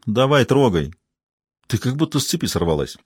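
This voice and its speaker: A man voicing a calm male police partner who talks quietly and reasonably. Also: medium pitch, moderate pace, husky, dry recording, clean studio sound.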